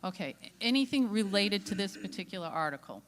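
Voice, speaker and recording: A woman moderating a town meeting, brisk and procedural, calling on speakers and apologizing often. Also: medium pitch, animated, slight background noise. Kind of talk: running a public town meeting.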